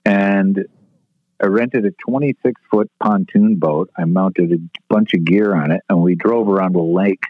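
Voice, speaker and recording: A man's voice: deep voice, unhurried, dry recording. Brash older man on a tinny line. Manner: brash, profane storyteller. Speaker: podcast guest, retired stage manager. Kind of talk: casual storytelling interview. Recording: tinny phone-like line, dry.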